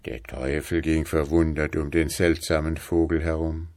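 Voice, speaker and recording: A man reading a fairy tale aloud in a measured storytelling style. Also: extremely low pitch, level tone, darkish tone, dry recording, studio quality. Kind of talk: scripted storybook narration.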